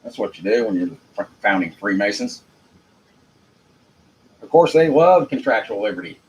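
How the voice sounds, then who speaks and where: A Jacksonville, United States man with a Southern US accent, working as an amateur legal commentator, rambles through a folksy, unpolished, informal monologue, leaning on repeated phrases for emphasis. His lowish voice has a sing-song lilt at a moderate pace. The recording sounds muffled and has noticeable background noise.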